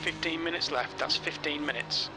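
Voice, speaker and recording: A man's voice: a little high, fairly even intonation, normal speed, lightly acted. A man voicing a terse race engineer. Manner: terse, clipped radio calls. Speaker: race engineer in a racing game. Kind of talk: scripted game voice lines.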